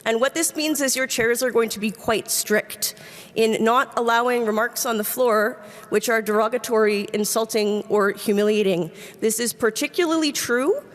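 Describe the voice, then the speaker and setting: High-pitched woman chairing a convention, english-speaker accent in french, echoey hall. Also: unhurried. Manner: reads policy text, switches English and French, small stumbles. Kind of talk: bilingual chairing and announcements. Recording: long reverb of a large hall.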